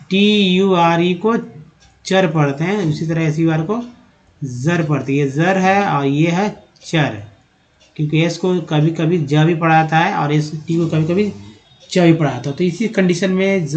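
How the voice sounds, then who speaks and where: Man teaching English sounds, slow repeats. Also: on the high side. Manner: breaks words into letters and syllables, repeats them slowly; addresses viewers as friends. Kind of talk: slide-based pronunciation lesson. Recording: dull, lo-fi recording.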